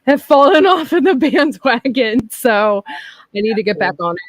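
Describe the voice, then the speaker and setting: A woman's voice: fairly high pitch, very animated, normal speed, no echo. A woman in her thirties, hosting a casual chat, talking frankly and loosely with lots of fillers. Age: 30s. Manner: chatty and frank, with frequent laughs and fillers. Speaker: host.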